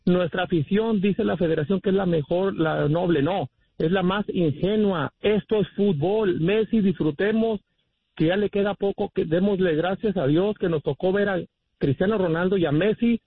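A Mexican man phones in to a radio show and lectures the hosts with firm opinions. His voice is high and husky, and it comes through a dry, tinny phone line. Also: moderate pace, no echo. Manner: opinionated, preachy, addresses "muchachos". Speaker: caller. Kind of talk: phone-in rant.

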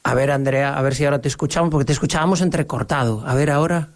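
A man's voice: on the high side, rapid-fire. A man hosting a radio sports interview with playful, jokey banter.

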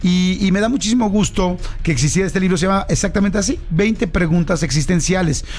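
A male host with a Mexican Spanish accent introduces his guest and asks questions. His voice sits fairly high. He sounds openly enthusiastic and peppers his speech with casual fillers. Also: fairly quick, a little mellow. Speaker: show host. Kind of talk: enthusiastic interview hosting.

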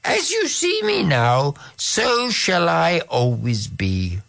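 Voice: mid-range voice, wildly swooping pitch, slow pace, gravelly, fairly bright tone, pitched above the performer's own voice, exaggerated voice. Margot, a sly composed cat, as a reader puts her on. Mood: cool. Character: clever calm female cat. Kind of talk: storybook reading.

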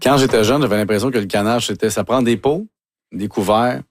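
A man with a Quebec French accent hosting an interview in a studio, asking questions in an animated, chatty way. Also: on the low side, brisk, dry recording. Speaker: radio host. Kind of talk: interviewing a guest.

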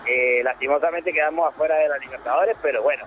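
A man from Colombia, a football fan, giving short, relaxed answers in a live interview. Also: on the high side, quick pace, faint music behind. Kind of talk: casual street interview. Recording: tinny phone-line feed with noise.

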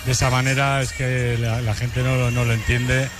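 A man's voice: mid-range voice, little pitch movement, moderate pace, music in the background. A man working as a football pundit, speaking in an emphatic, heartfelt way in the studio. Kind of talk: studio analysis.

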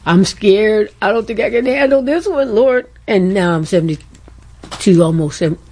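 Older woman with a dark, husky voice. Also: mid-range voice, expressive, moderate pace. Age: 70s. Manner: rambling, storytelling with laughs and self-corrections. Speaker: radio guest.

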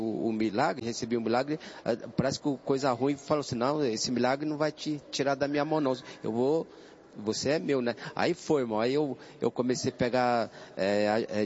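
An older man in his sixties tells his story of faith in a halting, repetitive way, often stopping to restart a word. His voice comes through a dull, lo-fi radio recording. A faint hiss sits behind him. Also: mid-range voice, steady tone, darkish tone. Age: 60s. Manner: hesitant, repeats words, addresses listener as brother. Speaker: church testimony guest. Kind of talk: personal religious testimony.

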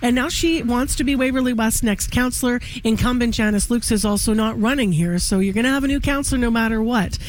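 A woman's voice: fairly high pitch, quick pace, few pauses, a little hiss or hum. Woman hosting a radio interview. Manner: conversational, frequent uh fillers. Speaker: radio host.

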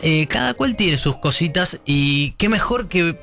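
A man's voice: on the high side, lively intonation, a little slow, vocal fry, sharp tone, faint music behind. A man with an Argentine accent hosting an evening radio show, chatting loosely with many fillers and restarts. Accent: Argentine Spanish. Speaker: radio host. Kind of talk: casual radio chat.

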